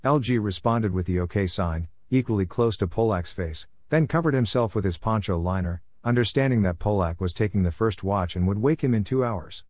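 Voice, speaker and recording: A man reading a war story aloud as a narrator, in a measured, steady storytelling manner. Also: fairly low pitch, no echo, studio quality. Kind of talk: scripted audiobook narration.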